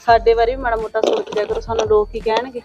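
A woman's voice: a little high, level tone, quick pace, noisy background, natural voice. An actress playing a young daughter who scolds her mother, in a village comedy drama. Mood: reproachful. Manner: reproachful.

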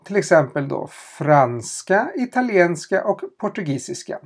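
A language teacher running a question-and-answer lesson, spelling out letters and repeating them patiently, with small hesitations while explaining. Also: medium pitch.

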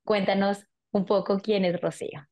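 A woman's voice: medium pitch, fairly even intonation, normal speed, a little mellow. A woman hosting a TV interview, asking her guest questions in an earnest, encouraging way. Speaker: host. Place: small studio set.

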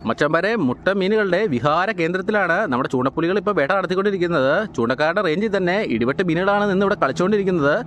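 A man with a Malayali accent giving energetic, hyped commentary on fishing, talking straight to his viewers. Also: high-pitched, very fast, few pauses, slight background noise. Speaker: fishing vlogger narrating.

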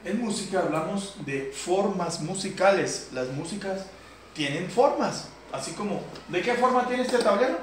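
A man with a high-pitched voice teaches a beginner keyboard class, explaining step by step and often checking in with a questioning "¿sí?". He sounds far from the mic in a very echoey room, with a keyboard playing clearly in the background. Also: lively intonation, moderate pace. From Colombia. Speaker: piano instructor. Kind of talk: classroom lesson. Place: community center classroom. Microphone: far camera. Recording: roomy echo, distant mic. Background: piano keyboard playing.

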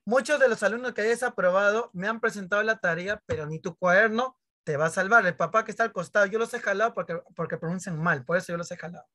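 A man teaches English over a video call, with a bright, ringing voice. He jokes and teases his pupils and plays out their questions in their voices. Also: high-pitched, quick pace. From Peru. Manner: joking, teasing pupils, acts out their questions. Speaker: primary school English teacher. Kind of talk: online class, explaining grammar.

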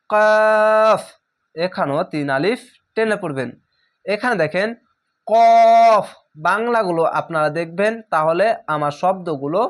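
A man's voice: sits high, a bit bright. A man teaching a recorded beginner reading lesson, patiently repeating instructions and sounding out letters one at a time while checking in with his learners. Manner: speaks directly to learners with check-in questions.

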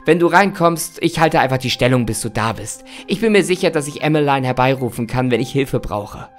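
A man's voice: mid-range voice, lively intonation, brisk, soft background music, close to an everyday voice. A man voicing a cheerful, chatty woman boss in a spooky storybook reading. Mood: bubbly. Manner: bright, gushing, breezy.

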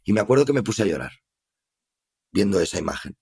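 A man's voice: on the low side, animated, fast, creaky, a little mellow, husky. A man with a Spain Spanish accent, a podcast guest telling his story in earnest, reflective casual conversation.

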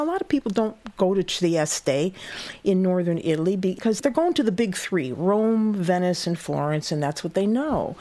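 A woman in her eighties, a guest who hosts a cooking show, telling her story in an interview with lively energy and frequent laughs. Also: mid-range voice. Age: 80s. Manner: lively, laughing, acts out quoted voices.

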